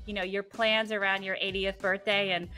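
A woman's voice: medium pitch, flat delivery, normal speed, sharp tone, faint music behind. A woman hosting a business podcast from an office on a studio mic, cheerful and welcoming. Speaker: podcast host. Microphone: studio mic with headphones.

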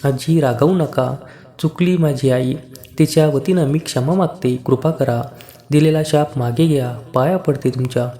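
A man's voice: mid-range voice, normal speed, dark tone, reverberant, close to an everyday voice. A man voicing a young princess who earnestly pleads for forgiveness in a devotional story. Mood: pleading.

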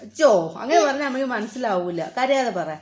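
A mother gently and patiently coaxing her small son with repeated questions in a casual home video. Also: high-pitched, expressive, a little fast, very noisy. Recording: echoey room.

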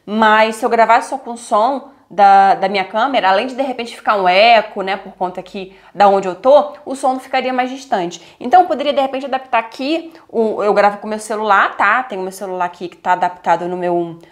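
A young Brazilian woman giving YouTube tips in a casual, chatty vlog, often tagging her sentences with quick checks, recorded on a lapel mic indoors at home. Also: mid-range voice. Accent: Brazilian Portuguese. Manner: chatty, lively, many "tá?" and "né?" tags. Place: indoors at home, lit by a softbox. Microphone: lapel mic clipped to her blouse.

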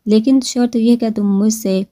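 A woman voicing a stern, possessive young husband who speaks in a serious, measured way, read in a storybook. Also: on the high side, steady tone, dark tone, no echo, studio quality, natural voice.

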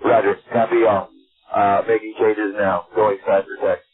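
Deep monotone man over walkie talkie. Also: normal speed, slight background noise. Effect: two-way radio, walkie talkie. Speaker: aircraft radio operator. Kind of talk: military radio communication. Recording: tinny phone-like radio transmission.

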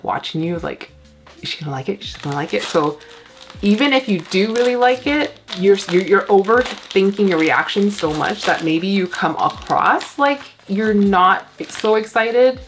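A Canadian woman with a Canadian accent hosting a casual plant unboxing vlog, chatty and gushing with excitement. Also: medium pitch, moderate pace, soft background music. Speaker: plant channel host.

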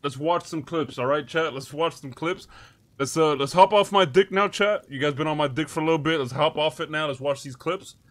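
A man's voice: fairly high pitch, fairly quick, a bit bright. Brash male streamer through a voice changer. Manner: brash, profane, teasing. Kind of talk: live stream talking to chat.

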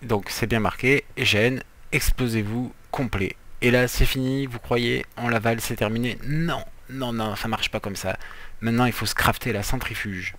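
A man's voice: mid-range voice, fairly even intonation, normal speed, fairly bright tone. A man giving casual, playful gameplay commentary as a let's player, chatty, with jokey asides while he explains what he is doing.

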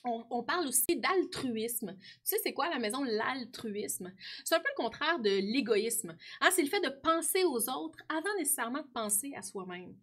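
Woman, teacher, explaining a lesson to pupils, breathy. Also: high-pitched, expressive, moderate pace. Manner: warm explaining, frequent tag "hein". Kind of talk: classroom lesson talking to students.

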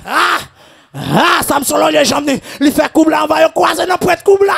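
A Haitian man preaching a sermon as pastor, shouting and half-singing his lines. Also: very high-pitched, expressive, moderate pace, creaky, soft background music.

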